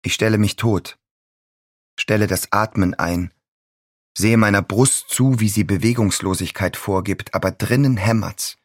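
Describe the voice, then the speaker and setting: A man's voice: on the low side, unhurried, dry recording, studio quality. An actor in his twenties playing a bitter 26-year-old son stuck in his childhood room, in a sardonic, brooding inner monologue. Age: 20s.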